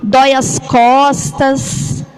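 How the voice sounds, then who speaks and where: Slow, high-voiced Brazilian woman preaching. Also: little pitch movement, darkish tone, faint music behind, poor audio. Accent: Brazilian Portuguese. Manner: conversational, frequent tag questions to the congregation; demonstrates with gestures while talking. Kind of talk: church sermon on anxiety.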